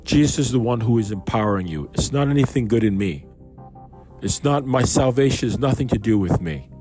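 A man's voice: medium pitch, expressive, fairly quick, a little mellow, faint music behind. A man from Canada reading a Bible passage aloud and commenting on it in a loose, conversational way, with asides and questions to his listeners. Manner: reads scripture aloud then riffs on it conversationally, with asides and questions.

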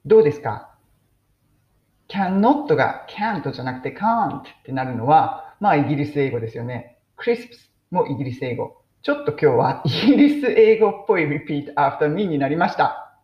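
A woman's voice: low-pitched, big pitch swings, moderate pace. A woman giving a casual, chatty English mini-lesson and explaining with friendly asides. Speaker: English teacher podcaster. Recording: roomy, dull lo-fi recording.

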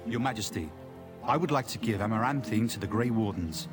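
A man's voice: lowish voice, expressive, brisk, lightly acted. An actor playing a deferential, formal nobleman addressing his king in a video game. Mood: deferential, earnest. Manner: formal, courtly. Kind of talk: scripted video game cutscene dialogue. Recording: game audio with music behind.

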